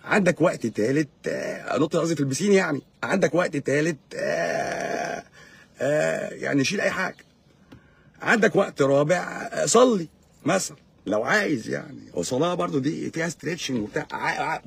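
A man's voice: on the high side, expressive, a little fast, vocal fry, husky. A man with an Egyptian accent, a doctor hosting a live stream, lecturing in a sarcastic, mocking way. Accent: Egyptian Arabic. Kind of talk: casual live-stream monologue.

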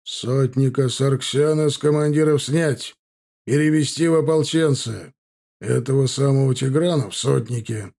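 A man's voice: mid-range voice, moderate pace, vocal fry, dark tone. A man voicing a stern, curt older general in an audiobook, issuing authoritative commands.

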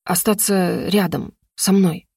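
A woman voicing a reserved, stubborn young male shaman who speaks slowly, low and soft. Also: steady tone, husky, no echo, studio quality, heavily acted. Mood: earnest, halting. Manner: slow, low and soft-spoken.

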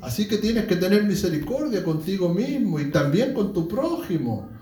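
A man's voice: sits high, sing-song, moderate pace, warm tone. A man with a Chilean accent preaching a sermon and telling his testimony, earnestly calling his listeners brother. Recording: echoey room, distant mic, faint ambience.

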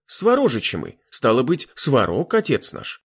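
A man voicing a sly, evasive old village elder who speaks slowly in a folksy, smiling way. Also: medium pitch, wildly swooping pitch, breathy edge, exaggerated voice.

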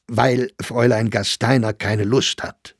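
A blunt male actor in a storybook scoffs and mocks his companions, as a man plays him. He speaks slowly and dismissively, and his tone is husky. The sound is close and dry. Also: mid-range voice, fairly even intonation, no echo. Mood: scornful. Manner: scoffing, laughing at others.

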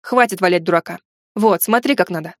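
A woman's voice: lowish voice, fairly quick, dry recording, natural voice. A woman voicing a sardonic, teasing grown man in an audiobook, with a dry, mocking, bossy manner. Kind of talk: audiobook character voice.

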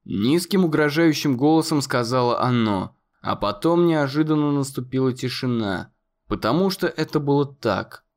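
A man narrating an audiobook in a measured, dramatic storytelling manner. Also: mid-range voice, animated.

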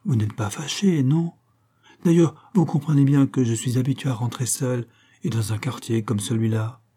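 A man reading a shy, gentle young girl. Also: mid-range voice, moderate pace, slightly rough, close to an everyday voice. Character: kind, modest young working girl.

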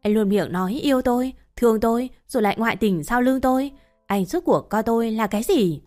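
A woman's voice: a little high, a little fast, a little mellow, lightly acted. A woman voicing a wronged young wife who answers her accusers in firm, cold retorts, over faint music. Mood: cold defiant.

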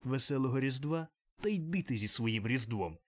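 Man reading gruff old miser, curt and grumbling, audiobook. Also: medium pitch, animated, normal speed, close to an everyday voice. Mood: scornful grumbling.

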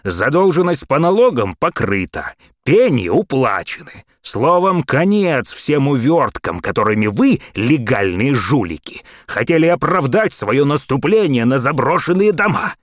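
A feisty old man crows and needles with loud, folksy swagger, as a male reader puts him on. His voice sits high and bursts with energy. The sound is dry and close, as in a studio audiobook. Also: big pitch swings, a little slow, few pauses, dry recording. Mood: triumphant.

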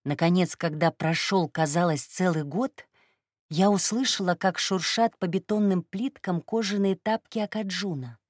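A woman reading a first-person story aloud in a calm, even narration. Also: fairly low pitch, normal speed, no room sound, clean studio sound. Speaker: audiobook narrator.

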